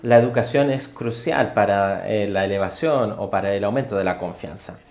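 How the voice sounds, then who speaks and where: A man giving a spoken interpretation of a university lecture, halting, with frequent fillers and self-corrections. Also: lowish voice, darkish tone. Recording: roomy hall sound.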